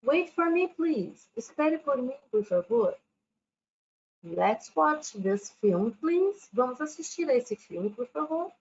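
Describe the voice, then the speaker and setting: A woman, an English teacher giving a recorded lesson. She explains patiently, checks in often with "né?", and reads English examples carefully. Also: fairly high pitch. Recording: dull lo-fi recording with faint background noise.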